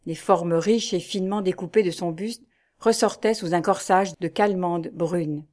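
A woman narrating an audiobook of a 19th-century novel in a measured, clear literary reading. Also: fairly low pitch, a little mellow.

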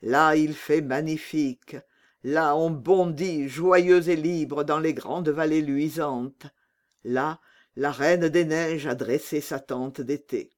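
A woman's voice: low-pitched, fairly even intonation, slow. A woman voicing a homesick reindeer who speaks of its snowy home with a dreamy sigh, in a storybook reading. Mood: wistful. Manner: sighing, dreamy.

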